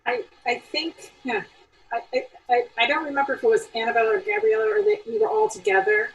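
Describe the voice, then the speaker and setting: A woman on the theatre faculty, talking from her home attic in a panel over a video call, animated and patient, thinking aloud with restarts. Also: very high voice, fast, gravelly, distant mic, lo-fi sound.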